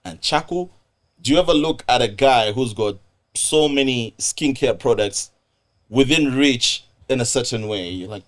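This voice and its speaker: A man hosts a relaxed podcast chat. He teases his co-hosts and moves briskly from one topic to the next. His voice sits at an ordinary middle pitch. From Zambia. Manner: playful, teasing, leads topics. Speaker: podcast host. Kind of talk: casual chat.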